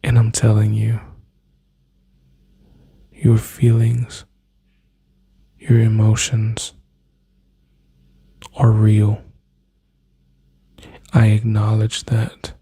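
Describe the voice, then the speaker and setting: This intimate ASMR boyfriend roleplay features a man's soft, slow, monotone voice, low and breathy, frequently dropping to near-mic whispers. The recording has no echo as he soothingly addresses the listener.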